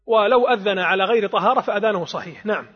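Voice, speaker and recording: A man's voice: high-pitched, rapid-fire. A man teaching a religious law lesson, explaining step by step and counting along with his listeners. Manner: explanatory, counts along with listeners, demonstrates the call softly and aloud. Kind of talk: Islamic jurisprudence lesson. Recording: echoey hall, muffled lo-fi sound.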